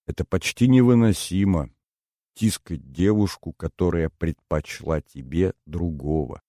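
A man narrating a first-person audiobook in a calm, measured, brooding way. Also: low voice, no echo, clean studio sound.

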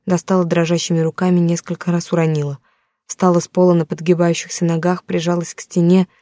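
A woman's voice: lowish voice, mellow, no room sound. A woman narrating a first-person audiobook in a tense, dramatic storytelling manner, close to the mic.

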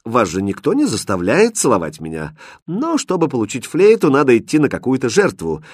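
A man voicing a calm, sly young swineherd in a storybook reading, unhurried and teasing. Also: medium pitch, dry recording, clean studio sound.

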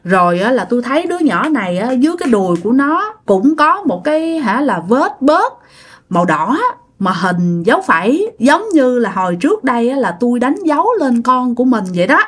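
A woman's voice: a little high, big pitch swings, fairly quick. A woman voicing a worried village father who hesitantly confides his suspicion to his wife. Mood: uneasy.

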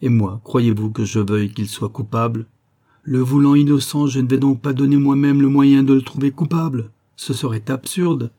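A man's voice: medium pitch, normal speed, mellow, natural voice. A man voicing a wounded colonel who speaks earnestly and generously from his bed, in a read-aloud novel.

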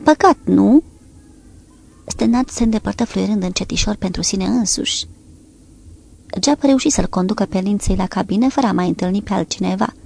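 A woman narrating an audiobook with a steady, even reading. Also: medium pitch, vocal fry, husky. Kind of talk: scripted narration.

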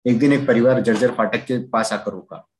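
A man narrating a children's story read aloud, steady and even. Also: medium pitch, fairly quick, a little hiss or hum, rough recording.

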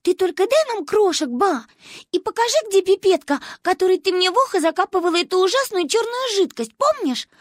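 A woman voicing an excitable, bold little girl who chatters shrilly and insistently. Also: extremely high pitch, moderate pace, no room sound, clean studio sound, voice pushed up. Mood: excited, pleading.

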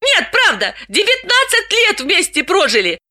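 A woman doing a shrill excitable girlfriend. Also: moderate pace, exaggerated voice. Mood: agitated. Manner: shrill, emphatic, exclaiming. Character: excitable pushy woman friend in her thirties. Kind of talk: audiobook character reading.

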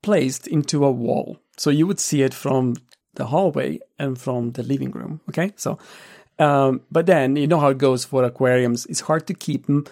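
Wry man with a mid-pitched voice. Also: moderate pace, gravelly, darkish tone. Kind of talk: casual anecdotal chat.

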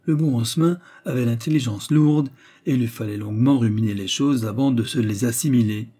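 A man reading a novel aloud as an audiobook, in steady, measured narration. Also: medium pitch. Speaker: audiobook reader.

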